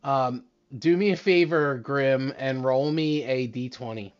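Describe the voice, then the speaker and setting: A man's voice: mid-range voice, a little slow, dull audio. A man narrating a tabletop game as the game master.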